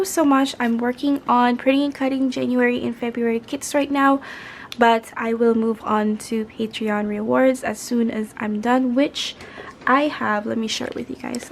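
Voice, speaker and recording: A woman talking casually to her viewers in an informal, rambling, chatty way, as a vlogger. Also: fairly high pitch. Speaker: YouTube budgeting vlogger. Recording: clear background noise.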